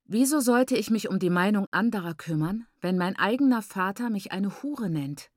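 A woman's voice: mid-range voice, animated, moderate pace, a little mellow, dry recording, clean studio sound, natural voice. A woman voicing a defiant teenage daughter who answers her father coldly. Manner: defiant, cold.

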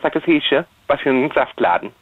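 A man's voice: medium pitch, expressive, fairly quick, dry recording. A man from Erfurt calling into a radio show, friendly and eager, telling a joke. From Erfurt, Germany. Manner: friendly, eager, tells jokes. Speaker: caller. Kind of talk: casual phone-in chat. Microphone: phone. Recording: tinny phone line.

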